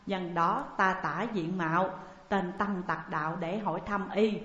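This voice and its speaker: A woman reading the lines of an elderly male Zen master in an audiobook, speaking in slow, measured counsel. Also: lowish voice, steady tone, a bit bright, echoey room, in a large hall, muffled recording. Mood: calm.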